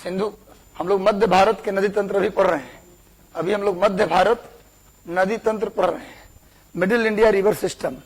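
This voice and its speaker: High-voiced teacher dictating. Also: male voice, steady tone, normal speed, long pauses, slightly rough, rough recording. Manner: repeats words for dictation; asks the class questions. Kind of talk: classroom lecture.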